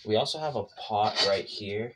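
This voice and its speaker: A man with a fairly low voice hosts a casual cooking vlog. He keeps up joking, self-mocking asides as he works. Loud noise runs under the whole recording. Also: moderate pace. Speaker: cooking vlogger.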